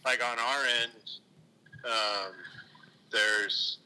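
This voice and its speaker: A man heard over a speakerphone call while away at lunch, answering casually in a halting way with many fillers and restarts. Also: medium pitch, fairly even intonation, pushed and bright, a little hiss or hum, low-quality recording. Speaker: whiskey blender called in.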